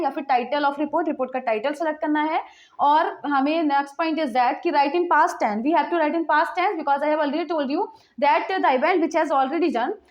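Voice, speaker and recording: A young woman teacher giving a casual online lesson, mixing Hindi and English, repeating points and checking in with students often. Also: high-pitched. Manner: repetitive, checks in with "theek hai" constantly; mixes Hindi and English mid-sentence.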